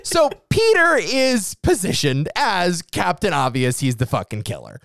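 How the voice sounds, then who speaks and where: A man co-hosting a casual film podcast, animated, joking and swearing. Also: high-pitched, a little slow, creaky, no echo, studio quality. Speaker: podcast co-host.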